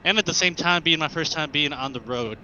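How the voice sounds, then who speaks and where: On the high side and sharp in tone, this new motovlogger from Arkansas speaks a little fast while riding, chatting in a loose, rambling way from inside his helmet. The action-camera headset mic sounds muffled, with engine and road noise throughout.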